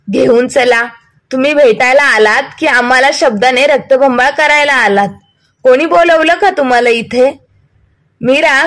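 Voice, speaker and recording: A woman voicing an elderly retired father who shouts in bitter hurt at his sons. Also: high voice. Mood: furious.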